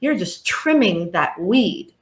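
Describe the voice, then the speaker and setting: Slow, earnest woman coaching in a roomy space. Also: medium pitch, sing-song. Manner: earnest, reflective, acts out clients' voices. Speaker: guest life coach. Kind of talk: podcast interview talk.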